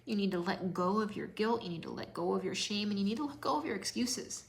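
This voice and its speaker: A woman's voice: medium pitch, expressive, quick pace, gravelly. A woman fitness coach giving an emotional motivational talk on a livestream, repeating key lines and dropping to whispers for emphasis.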